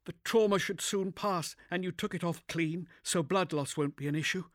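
A man voicing a sharp, anxious young female inquisitor with a strained, breathy voice and quick, insistent questions. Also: high voice, no echo, clean studio sound, voice pushed up. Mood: urgent.

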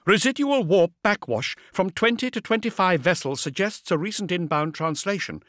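A man voicing a brisk female communications officer on a warship bridge, giving clipped technical reports in a raised voice. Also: sits high, expressive, fairly bright tone, dry recording, studio quality, pitched above the performer's own voice. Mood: brisk reporting.

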